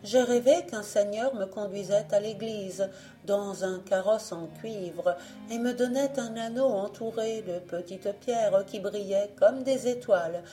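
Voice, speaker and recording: A woman's voice: mid-range voice, unhurried, warm tone, faint music behind, lightly acted. A woman voicing a proud young woman from a storybook who boasts and scorns her suitors. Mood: dreamy boast. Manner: haughty, boastful.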